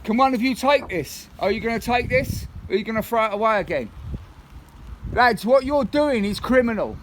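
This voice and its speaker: Brief: insistent man confronting intruders, very high voice, phone recording with steady noise behind. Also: moderate pace. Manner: firm, insistent, repeats legal warnings. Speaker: property occupier confronting bailiffs.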